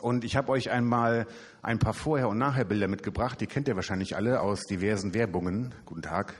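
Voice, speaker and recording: Casual male evangelist, husky, chatty sermon delivery, handheld mic in a reverberant hall. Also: on the low side, fairly quick. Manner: chatty, informal, self-deprecating humor. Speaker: youth evangelist preacher. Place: church service hall. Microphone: handheld microphone. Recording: hall reverb from a church room.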